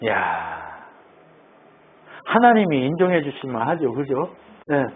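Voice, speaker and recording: A man's voice: mid-range voice, wildly swooping pitch, slow, slightly rough. A man preaching a sermon as pastor, asking the congregation questions and answering them himself. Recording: tinny phone-like line with faint noise.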